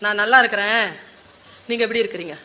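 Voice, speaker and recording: A woman's voice: medium pitch, fast talker, bright, forceful tone, voice pushed down. A woman voicing the young queen Draupadi, pleading and explaining. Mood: calm.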